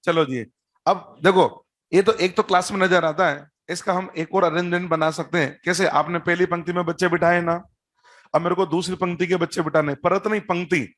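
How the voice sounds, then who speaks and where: A man's voice: high-pitched, steady tone, normal speed, fairly bright tone. A man teaching a chemistry class, explaining step by step, repeating key terms, quizzing students and adding teasing jokes. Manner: teasing, joking asides. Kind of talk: classroom-style lecture at a board.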